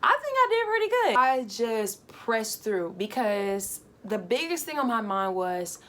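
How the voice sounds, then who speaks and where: A young woman vlogger telling a casual, animated travel story, full of fillers. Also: a little high, unhurried.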